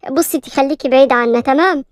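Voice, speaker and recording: A woman's voice: sits high, quick pace, dry recording, studio quality, close to an everyday voice. A woman voicing a kind wealthy father with an Egyptian accent, soothing and affectionate. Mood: gentle. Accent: Egyptian Arabic.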